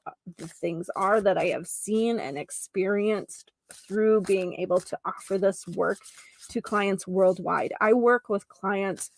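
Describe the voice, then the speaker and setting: A woman who works as a geomancer and energy healer hosts a solo holistic healing podcast, addressing listeners earnestly and effusively and stressing key words. Her voice is mid-range with vocal fry, and the recording quality is low.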